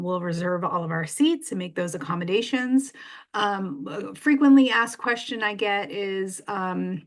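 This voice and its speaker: A woman co-leading an information session, explaining plans in a friendly, casual way with frequent "um" pauses and restarts. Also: mid-range voice, a bit bright. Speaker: trip co-leader presenting an information session.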